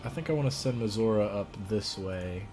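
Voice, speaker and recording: A man's voice: on the low side, lively intonation, a little fast, over music. A man casually commentating his gameplay, thinking aloud and muttering his plans as he goes. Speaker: gamer.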